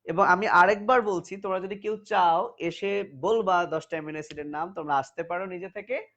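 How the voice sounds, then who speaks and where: A man's voice: high-pitched, a little fast, a bit bright, dull audio. A male biology teacher giving a classroom lecture, repeating terms again and again for students to chant back and addressing them directly.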